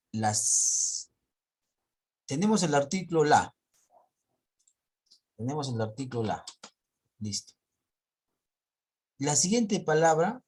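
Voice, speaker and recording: A man's voice: mid-range voice, darkish tone, slightly rough. A man teaching a grammar lesson in an online class, explaining step by step and checking in with his students.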